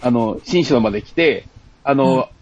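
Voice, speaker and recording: A man's voice: medium pitch, unhurried, a little mellow, dry recording. A man chatting as a podcast guest, explaining casually and searching for his words.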